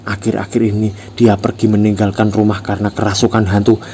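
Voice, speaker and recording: A man's voice: on the low side, completely flat delivery, a little fast, mellow, a little hiss or hum, lightly acted. A sneering, spiteful schoolgirl bully, voiced by a male reader with a slightly lifted voice. She taunts and jeers with arrogant confidence in a storybook retelling.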